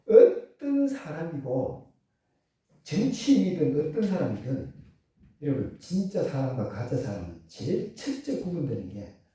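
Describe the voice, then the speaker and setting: A male pastor delivers a sermon, firing rhetorical questions at the congregation. His voice is dark and mellow yet swings widely in pitch. He is heard from a distance in a strongly echoing church hall. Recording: echoey church hall from far off.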